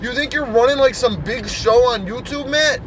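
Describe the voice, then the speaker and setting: Man, fairly high voice, angry profane rant, confrontational, vlog, traffic noise outside. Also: moderate pace.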